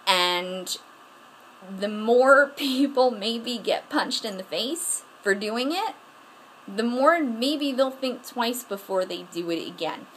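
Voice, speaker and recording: A woman's voice: a little high, fairly bright tone, slight background noise, rough recording. A woman giving self-defense tips to her camera at home in a frank, earnest way, often restarting herself. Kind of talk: casual instructional talk to camera. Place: at home, moving around in front of the camera. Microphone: camera mic, distance changing as she moves.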